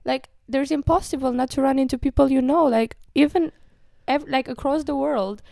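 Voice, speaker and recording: A young woman chatting on a podcast, her voice gravelly and fry-heavy from a lingering cold. She rambles with lots of "like" and frequent laughs, recorded close and dry with no room sound. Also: high voice, normal speed, dark tone, dry recording. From Romania. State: recovering from a cold, sick voice. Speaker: podcast co-host. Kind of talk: casual chat.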